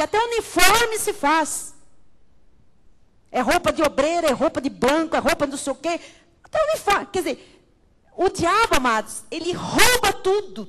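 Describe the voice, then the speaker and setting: A woman's voice: very high voice, fairly bright tone. A woman pastor leading a Bible study sermon, emphatic, calling her listeners beloved.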